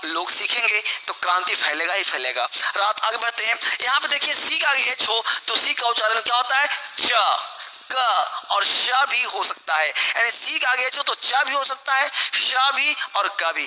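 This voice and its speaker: A man's voice: very high-pitched, moderate pace, sharp tone, soft background music, poor audio. A man teaching English pronunciation, drilling words aloud with motivational asides. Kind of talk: spoken English lesson.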